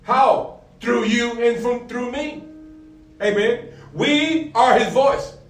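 A middle-aged pastor with a very high voice preaches slowly, reading scripture, asking and answering his own questions, and repeating phrases punctuated with amens. Faint music sits behind this roomy recording made with a distant mic.

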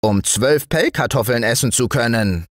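A man voicing a small gray male forest dwarf in a bedtime storybook, with a thin, high voice and a scolding manner. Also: moderate pace, dry recording, clean studio sound, lightly acted. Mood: earnest. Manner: scolding, lively. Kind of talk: storybook reading.

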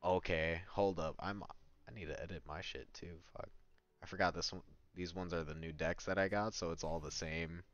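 A young man chatting excitedly with a friend while gaming, swearing often and laughing. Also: sits low, normal speed. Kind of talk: casual gaming chat. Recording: muffled lo-fi voice chat with faint music.

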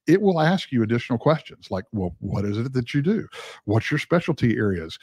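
A man giving a webinar presentation, talking fast with lots of fillers and restarts. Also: mid-range voice, darkish tone, no echo. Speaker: guest speaker.

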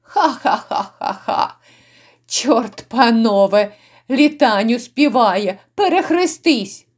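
A woman's voice: fairly high pitch, big pitch swings, slow pace, full character voice. A woman voicing rowdy, brutal drunken noblemen who jeer and bark orders. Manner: gruff, jeering shouts.

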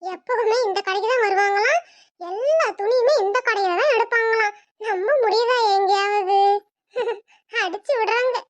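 A woman's voice: very high-pitched, normal speed, dry recording. A woman voicing a sly, gossipy young woman with a Tirunelveli Tamil accent.

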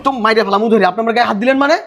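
Brief: young actor as a spoiled, demanding younger brother; fast, whiny. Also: male voice, high voice, very noisy. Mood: rude. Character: lazy spoiled younger brother, hungry and rude. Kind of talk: village family drama acting.

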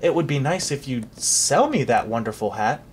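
A reader voicing an excitable storybook king who exclaims loudly. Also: moderate pace, slight background noise, close to an everyday voice. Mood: excited. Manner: exclaiming, loud and high. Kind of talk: storybook read-aloud.

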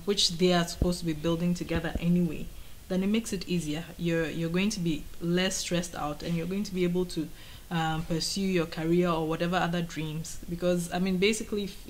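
A woman with a Ghanaian accent speaks in a slightly low register, explaining her views thoughtfully in a conversational interview. Some background noise sits faintly behind her voice. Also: poor audio. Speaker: writer being interviewed. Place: indoors on a sofa by shelves of mugs.

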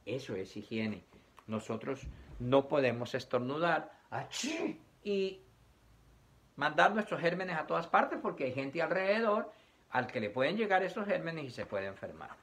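A man's voice: on the high side, animated, moderate pace, a bit bright. A man teaching young children, reading a picture book aloud, asking them questions and acting out sneezes and coughs.

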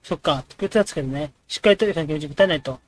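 A man's voice: fairly high pitch, a little hiss or hum. A man casually commenting and joking while playing a dating game. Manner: quick, joking reactions to the game. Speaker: let's play host.

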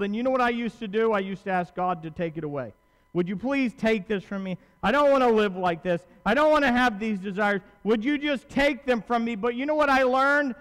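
A man in his thirties preaches a sermon from the pulpit on stage in a large church auditorium, his very high, fairly bright voice carrying a long hall reverb. His style is conversational and emphatic, repeating phrases and putting questions to his listeners.

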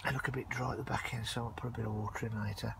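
The allotment vlogger's mid-range voice is gravelly and a bit bright, with flat delivery at a very fast clip. He chats and rambles casually while walking outdoors and filming on a handheld phone, which captures a lot of noise.

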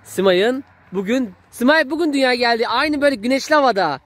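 A man's voice: extremely high pitch, animated, fairly quick, fairly bright tone. A man in his thirties filming a casual family vlog, chatty and affectionate with the children. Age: 30s. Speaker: vlogger, uncle.

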